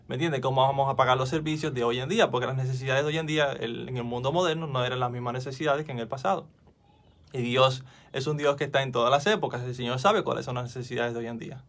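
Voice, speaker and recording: Speaking into his phone at home, a man offers casual Bible teaching in a mid-range, slightly bright voice and at a brisk pace. He comes across as sincere and chatty, often starting sentences over and putting questions to his viewers. It's an informal devotional talk delivered to the camera.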